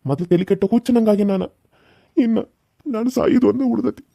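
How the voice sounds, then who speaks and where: A man's voice: sits high, brisk, vocal fry, no room sound, highs cut off. A man voicing a young village husband in a cartoon serial, speaking North Karnataka Kannada and repeating himself in anguished outbursts. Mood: bitter.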